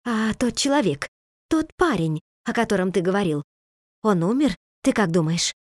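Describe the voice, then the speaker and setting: Brief: woman reading as an agitated peasant wife, higher and louder, pleading and reproachful, dry sound. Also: lively intonation, normal speed, no echo, natural voice. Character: fretful, outspoken peasant wife, emotional.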